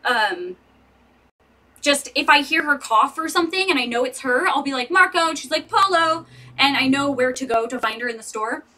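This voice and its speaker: A woman's voice: high-pitched, lively intonation, moderate pace, sharp tone, far from the mic. A woman in her thirties chatting casually and rambling with her viewers, laughing often. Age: 30s. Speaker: vlogger. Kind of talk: casual live chat with viewers. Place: home with street traffic outside.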